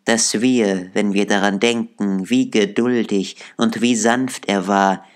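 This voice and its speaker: A man voicing a gentle, grieving father. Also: lowish voice, steady tone, takes it slowly. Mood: tender. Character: poor gentle father, tender and sorrowful. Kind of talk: audiobook character reading.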